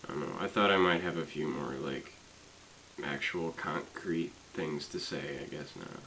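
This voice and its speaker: A young man in his late teens venting in a casual vlog, rambling with lots of fillers and swearing, swinging between loud complaints and quiet mumbling. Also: extremely low pitch, moderate pace, slight background noise, low-quality recording. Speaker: student vlogger.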